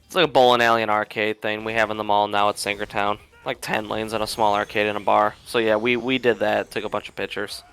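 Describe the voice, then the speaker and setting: Smooth, bright-voiced man telling stories. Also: lowish voice, steady tone, fast, few pauses, faint music behind. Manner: earnest storytelling. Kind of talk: casual chat.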